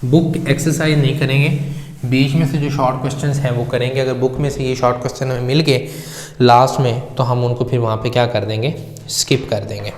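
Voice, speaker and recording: A man's voice: mid-range voice, flat delivery, brisk. A man teaching a physics lesson in speech, patiently explaining with everyday examples and calling his students 'beta', recorded at night in his room. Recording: echoey room with long reverb.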